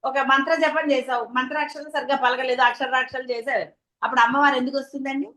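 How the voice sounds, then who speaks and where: A female spiritual teacher with a Telugu accent gives a devotional discourse, repeatedly turning to her listeners with rhetorical questions. Her high, clear voice is fast, bright, forceful, and steady in tone, though the audio quality is poor.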